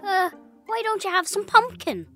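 A woman voicing a timid, polite young male caterpillar in a high, wide-eyed voice. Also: animated, moderate pace, a bit bright, faint music behind. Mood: curious. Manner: squeaky, wide-eyed, asking questions.

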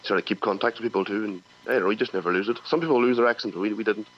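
A man with a Donegal Irish accent talking casually and haltingly, often repeating words, as an interview guest. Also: on the low side. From County Donegal, Ireland. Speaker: radio phone-in guest, farmer. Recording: dull telephone line.

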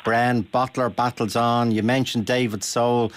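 An Irish man hosting a radio phone-in conversationally, with halting, repeated, emphatic phrases. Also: mid-range voice, little pitch movement.

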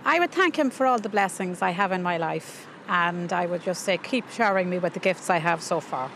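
Against clear street noise, a woman answers casually in a creaky voice. She speaks quickly, as if stopped for an interview. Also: lowish voice, a bit bright.

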